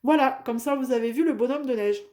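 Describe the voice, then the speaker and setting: A craft vlogger from northern France chats casually at home while working on a craft project, her Northern French accent clear through many fillers and restarts. Her voice is high-pitched and brisk with a dark tone, and there's slight background noise.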